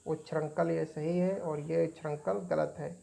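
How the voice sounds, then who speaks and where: A woman with a low, dark voice teaches an exam-prep grammar lesson. She keeps her delivery flat and steady, repeating each word and marking it right or wrong. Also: unhurried, vocal fry, poor audio.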